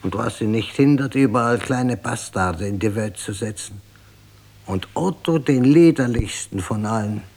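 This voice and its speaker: A male actor with a voice on the low side, slightly mellow and unhurried, plays a worn-out, bitter old Austrian emperor in a radio drama. Speaking with an Austrian accent and a creaky, gravelly tone, he grumbles and broods, sounding bitter and indignant.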